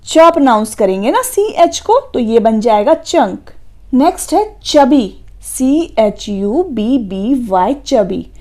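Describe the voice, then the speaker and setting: A woman's voice: a little high, sing-song, unhurried, a little mellow. A woman teaching a phonics lesson for children, spelling words letter by letter and answering her own questions.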